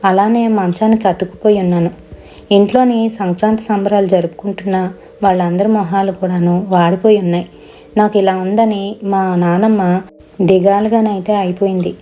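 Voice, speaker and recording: A woman's voice: medium pitch, fairly even intonation, moderate pace, warm tone, soft background music. A woman narrating a first-person horror story in a conversational retelling manner, acting out the family members she quotes.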